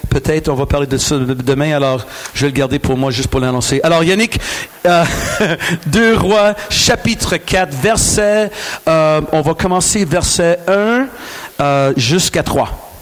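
A man with a Québécois French accent preaching a lively sermon to a large crowd, joking and asking the audience questions. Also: fairly high pitch, unhurried.

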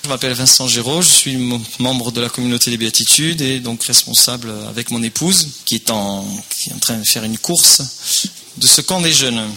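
A man's voice: medium pitch, normal speed, bright, forceful tone. A man leading a youth camp, welcoming the audience and introducing a guest speaker, with a few hesitant fillers. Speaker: youth camp leader and moderator. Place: large tent at a youth camp.

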